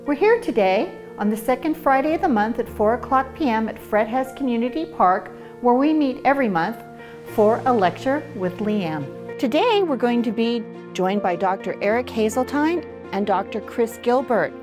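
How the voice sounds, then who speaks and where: A woman's voice: a little high, lively intonation, moderate pace, darkish tone, soft background music. A woman hosting a community lecture series, giving a welcoming introduction to the event. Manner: welcoming, announcing.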